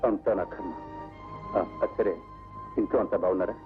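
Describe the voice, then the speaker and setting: An actor playing a weary, defeated elder brother. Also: male voice, low voice, steady tone, normal speed, close to an everyday voice. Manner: downcast, weary. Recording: tinny lo-fi film sound with music.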